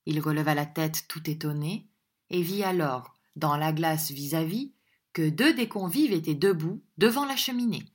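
A woman reads a classic novel aloud, her voice sitting on the low side. She narrates steadily and with measure, letting the long sentences unfold evenly. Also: normal speed. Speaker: audiobook reader.

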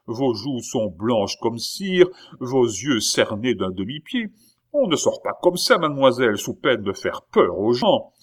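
A man's voice: mid-range voice, lively intonation, unhurried, few pauses, voice pushed up, natural voice. A man voicing a blustering old baron. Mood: scolding. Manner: blustering, scolding, exclamatory. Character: irascible old aristocratic baron father. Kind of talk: audiobook character reading.

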